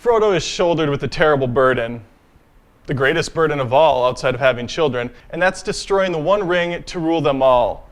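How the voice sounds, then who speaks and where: A man's voice: on the high side, expressive, fairly quick. A man making brash, sarcastic arguments in a scripted comedy debate, swearing casually.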